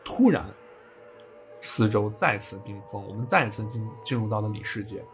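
A man's voice: on the low side, animated, moderate pace, soft background music. A man casually retelling a video game story for a podcast, with jokey asides.

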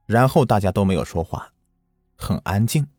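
A man's voice: lowish voice, lively intonation, moderate pace, darkish tone, no echo, studio quality, soft background music. A man narrating a first-person ghost story in an earnest manner, recounting a village memory from his childhood.

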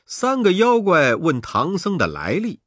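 A man narrating a children's story in an expressive, dramatic storytelling manner. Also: high voice, unhurried, no room sound, studio quality.

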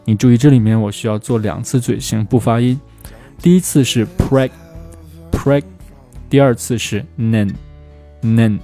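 A man teaching English pronunciation, who slows down to drill phrases again and again. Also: mid-range voice, creaky, mellow, faint music behind. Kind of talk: spoken language lesson.

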